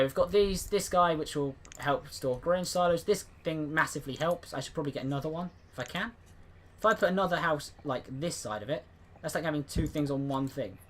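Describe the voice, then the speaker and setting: A man's voice: fairly high pitch, a bit bright. A man giving casual let's-play commentary, chatty and rambling, often restarting his sentences. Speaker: gameplay commentator.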